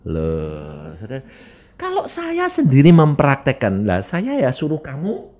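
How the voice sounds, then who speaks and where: Lively male preacher. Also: medium pitch, a little slow. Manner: animated storytelling, sudden jumps in loudness. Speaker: evangelist preacher. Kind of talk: sermon.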